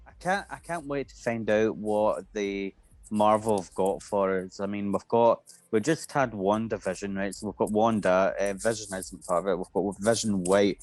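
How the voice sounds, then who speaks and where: A man co-hosting a casual pop-culture podcast, musing aloud with frequent pauses and restarts. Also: on the low side, a little mellow, no room sound. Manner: hesitant, lots of um and restarts while musing. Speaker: podcast co-host.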